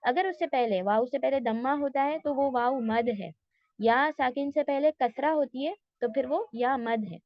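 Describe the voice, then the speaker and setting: A woman teaching a tajweed class online, patiently explaining step by step and slowly modelling sounds. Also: high voice, no room sound, muffled recording.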